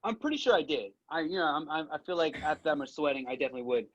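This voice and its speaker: A man's voice: on the high side, animated, racing, lo-fi sound. A young man in casual chat with an old friend, rambling and poking fun at himself as he tells stories. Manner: self-deprecating, rambling storyteller.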